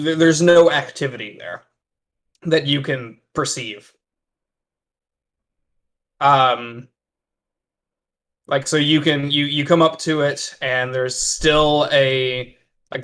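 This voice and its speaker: Male game master, slightly high voice, halting delivery full of fillers. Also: fairly bright tone. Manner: hesitant, many fillers and restarts. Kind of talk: narrating a tabletop game.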